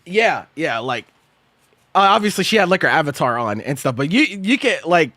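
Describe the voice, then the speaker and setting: A young male streamer in casual chat, bright and sharp-toned, with a bone-dry close sound. He reacts with disbelief, swears freely, repeats himself and keeps cracking up. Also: fairly high pitch, very animated, moderate pace, no echo. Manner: incredulous, laughs often, swears, repeats himself.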